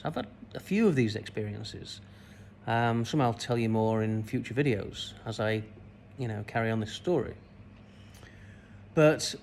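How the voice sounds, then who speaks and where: A man's voice: medium pitch, a little hiss or hum. A man, a spiritual coach, recounting a childhood memory in a loose, rambling way full of fillers. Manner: rambling, many fillers and restarts. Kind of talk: personal story told to camera.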